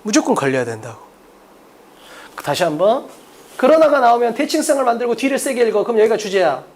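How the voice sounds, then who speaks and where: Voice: medium pitch, very animated, fast, darkish tone. An English exam-prep teacher explaining a mock test in a lecture, firing rhetorical questions at students and drilling points with emphasis. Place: lecture room at a board.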